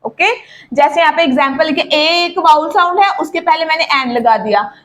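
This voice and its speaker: A woman teaching an English grammar lesson, explaining slowly, repeating points and asking her students questions. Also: high-pitched, fairly bright tone.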